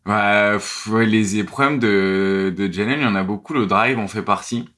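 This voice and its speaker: A man speaking as a podcast guest in casual chat, with halting phrasing and repeated starts. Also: lowish voice, a bit bright. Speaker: podcast guest, basketball commentator.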